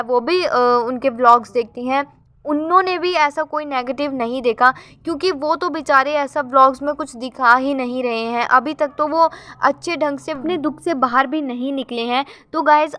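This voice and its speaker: A woman's voice: high voice, pushed and bright, no echo. A woman vlogger giving earnest, sympathetic commentary and often addressing her viewers directly.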